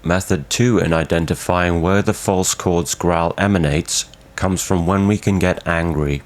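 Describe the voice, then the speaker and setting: Casting: male instructor, deep register, formal and measured scripted tutorial delivery. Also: fairly even intonation.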